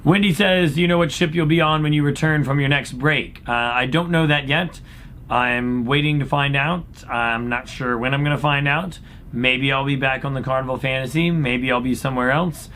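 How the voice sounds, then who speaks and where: A man's voice: fairly even intonation, normal speed, sharp tone. A man speaking as an upbeat, folksy cruise director, casually answering questions in a laid-back chat. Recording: clear background noise with low rumble.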